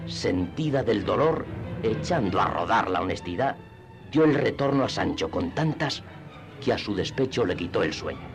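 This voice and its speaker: For radio theatre, a man with a husky, lowish voice narrates a classic tale in a measured, dramatic storytelling style.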